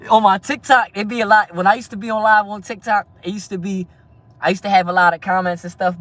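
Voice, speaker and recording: A fast-talking man in his thirties from New Jersey, chatting loosely on a live stream. His voice sits a little high for a man, and he peppers everything with street slang and "you feel me.". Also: fairly bright tone, distant mic. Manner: fast, loose street talk, constant "you know what I mean". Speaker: livestream host. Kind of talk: casual live-stream chat.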